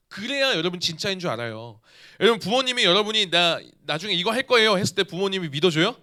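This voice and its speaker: A young male youth pastor preaches with a high, bright voice that jumps around in pitch. He keeps asking his listeners questions and acts out the quoted lines. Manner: lively, asks the audience questions and acts out quotes. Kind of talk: youth sermon.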